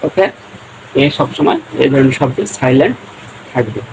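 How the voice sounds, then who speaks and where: A man teaching a spoken-English lesson, slowly breaking words into syllables and repeating them as he writes. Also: on the high side, fairly even intonation, noisy background. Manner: slow, repeats words syllable by syllable while writing.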